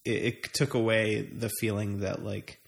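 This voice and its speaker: An American man swaps travel stories in a casual chat, thinking aloud and speaking hesitantly. His lowish voice is a bit creaky, shows little pitch movement, and runs a little slow.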